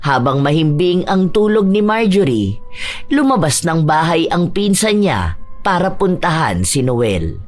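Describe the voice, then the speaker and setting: A woman narrating a dramatized story in a steady, measured storytelling manner. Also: low voice, soft background music.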